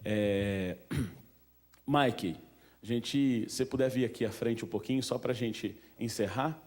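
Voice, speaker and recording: A Brazilian man speaks at a museum event in an easygoing, conversational way. His voice sits at an ordinary mid pitch, and he keeps turning to the audience with questions and little fillers. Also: slow pace, darkish tone. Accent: Brazilian Portuguese. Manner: chatty, asks the audience questions, many fillers. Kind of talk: informal talk to an audience.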